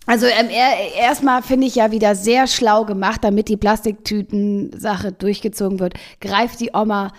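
A woman hosting a casual podcast, lively as she retells a film scene. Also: mid-range voice, moderate pace, hardly any pauses. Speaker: podcast host.

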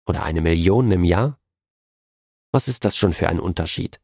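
A man narrating a story in a low, unhurried voice. The reading is measured and calm, recorded dry and close. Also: creaky, dry recording.

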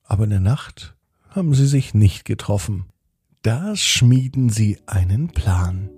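A man reading a children's bedtime story in a gentle, steady way. His voice is dark and husky, and the sound is dry and close. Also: on the low side, unhurried, no room sound.

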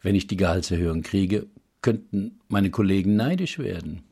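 Man, very low voice, husky, calm and measured, reading self-help advice aloud.

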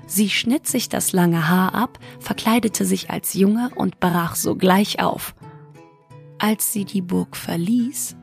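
A woman reads a fairy tale aloud in calm, measured storybook narration. Her delivery is unhurried and her voice has a gravelly texture, with faint music beneath. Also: mid-range voice.

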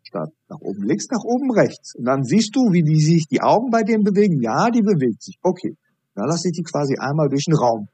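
Male coach guest, husky voice, animated storyteller, dry close recording. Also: on the high side, brisk, no room sound. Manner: animated storytelling, acting out dialogue. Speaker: high performance coach. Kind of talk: podcast interview guest.

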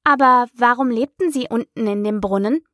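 A woman's voice: normal speed, fairly bright tone, dry recording, clean studio sound, natural voice. A woman reading the part of a curious, polite young girl in a storybook, speaking earnestly and turning indignant at times. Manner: high, earnest, sometimes indignant.

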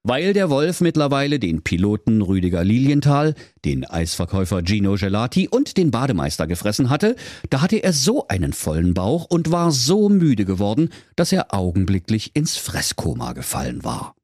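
A male storyteller reading a comic fairy tale with a low voice that rises and falls expressively. The recording is dry and close. His manner is playful and animated. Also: moderate pace, hardly any pauses, dry recording.

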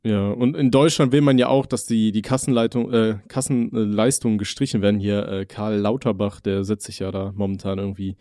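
A man's voice: fairly low pitch, steady tone, fairly quick, hardly any pauses, warm tone, no echo, clean studio sound. A man telling rambling stories in casual chat as a podcast co-host, full of slang. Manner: rambling slangy storytelling, says "Alter" often.

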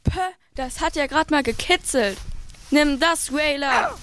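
A woman's voice: high-pitched, measured pace, fairly bright tone, slight background noise. A girl playing a scornful sidekick bully in a children's radio play. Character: slow sidekick bully kid.

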